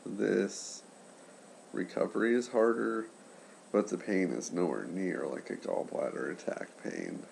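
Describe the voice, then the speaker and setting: A man in his late twenties chatting casually in a subdued, halting way, with congested, slightly impaired speech after nose and throat surgery. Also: low voice, gravelly, darkish tone, slight background noise. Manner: subdued, keeping voice down for a sleeper; halting, trailing pauses. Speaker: patient sharing surgery recovery. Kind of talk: casual vlog chat.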